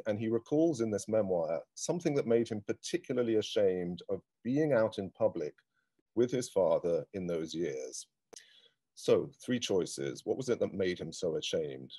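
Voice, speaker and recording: Middle-aged guy hosting an online event, lowish warm voice, dry sound, lots of ums. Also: breathy edge, dry recording. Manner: unhurried, thoughtful, with frequent ums and restarts. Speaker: host. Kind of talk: hosting a live-streamed cultural event.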